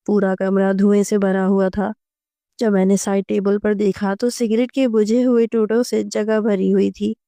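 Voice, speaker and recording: گرم، نرم آواز والی کہانی سنانے والی عورت. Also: female voice, mid-range voice, dry recording. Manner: steady, even storytelling. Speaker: audio novel narrator. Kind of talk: scripted first-person story narration.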